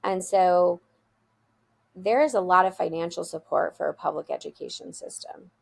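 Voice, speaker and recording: Loud and creaky, this woman's voice sits on the low side as she speaks at a moderate pace. She founded a school and, as a podcast guest, responds to questions with emphatic earnestness, frequently starting her sentences over.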